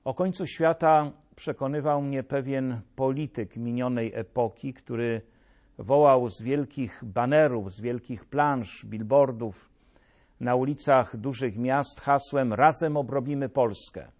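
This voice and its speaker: A man's voice: medium pitch, a little slow, darkish tone. A man delivering a scripted satirical commentary with a sarcastic, mock-solemn manner, addressing his listeners directly. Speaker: political commentator.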